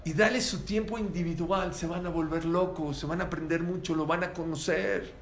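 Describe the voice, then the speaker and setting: A man with a Mexican accent giving a religious talk to an audience, telling stories in an animated way and acting out the dialogue. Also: fairly high pitch, fairly quick, slight background noise. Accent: Mexican Spanish. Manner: animated storyteller who acts out dialogue. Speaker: religious lecturer. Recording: echoey room with faint ambience.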